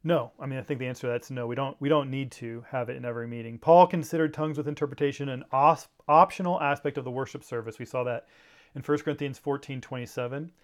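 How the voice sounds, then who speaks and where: A man's voice: mid-range voice, steady tone, fast. A man teaching a Bible seminar in a conversational way, with frequent fillers and restarts.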